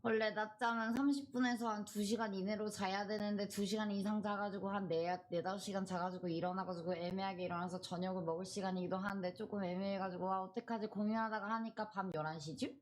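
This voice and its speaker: A woman's voice: mid-range voice, fairly even intonation, quick pace, hardly any pauses, soft background music. A woman live streamer chatting casually with viewers, playful and teasing as she thinks aloud, with slightly slurred articulation from a dental retainer.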